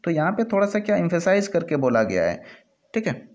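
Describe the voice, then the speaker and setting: A man's voice: sits high, very animated, normal speed, a little mellow. A man with a Hindi accent teaching an English grammar lesson over slides, explaining step by step and often checking in with his students. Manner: explanatory, repeats "ठीक है" often.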